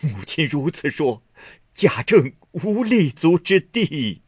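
A middle-aged son on his knees, pleading through tears in a hushed, humble tone, as a male reader acts him out. The reading is slow and dry, with no room around the voice. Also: on the high side, sing-song, husky, dry recording, pitched above the performer's own voice, full character voice.

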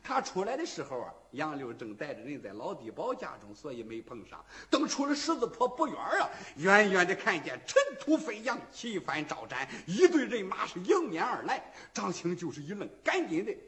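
A male storyteller with a Shandong accent delivers rhymed verse in a rhythmic, dramatic patter. His voice is high and bright, and it leaps around in pitch as he drives the tale along. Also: wildly swooping pitch, normal speed, hardly any pauses.

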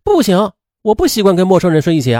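A man's voice: high-pitched, very animated, quick pace, a little mellow, no echo, clean studio sound, pitched above the performer's own voice. A man voicing a brusque young mother who bluntly refuses her nanny's requests. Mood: curt.

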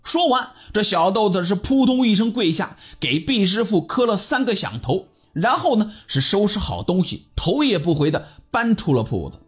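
A man telling a story in an animated, dramatic way and voicing all of its characters. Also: high voice, normal speed, hardly any pauses, husky, soft background music. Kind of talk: storytelling narration.

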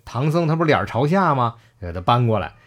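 A man's voice: medium pitch, very animated, fast talker. A man casually retelling a classic story, acting out the characters' lines and laughing often.

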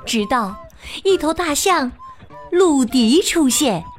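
Slow, high-voiced woman storyteller. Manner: slow, expressive and sing-song. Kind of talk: children's picture-book read-aloud.

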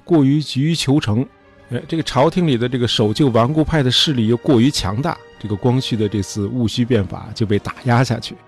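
Man, husky voice, chatty history host, lots of fillers, faint music behind. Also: medium pitch, darkish tone. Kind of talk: casual history storytelling.

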